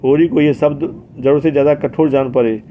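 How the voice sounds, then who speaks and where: A man's voice: medium pitch, steady tone, a little fast, narrow, tinny audio, slight background noise. Man narrating a classic novel. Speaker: audiobook narrator. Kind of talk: literary audiobook narration.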